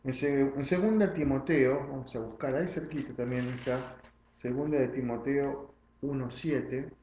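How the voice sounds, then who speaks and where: A man's voice: mid-range voice, normal speed, dark tone, reverberant, highs cut off, slight background noise. A man preaching a sermon as pastor, stressing and repeating key phrases and often checking in with the congregation. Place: church sanctuary.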